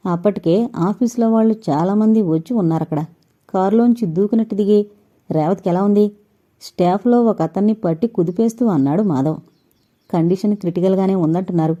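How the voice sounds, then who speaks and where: A woman reading an audio novel in a measured storytelling manner. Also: medium pitch, dark tone, lo-fi sound. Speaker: audiobook narrator. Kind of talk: scripted audio novel narration.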